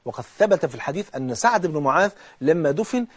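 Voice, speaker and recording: A man with an Egyptian accent preaching a colloquial sermon, animated, swinging between hushed and loud as he acts out dialogue. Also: on the high side, quick pace, husky. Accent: Egyptian Arabic.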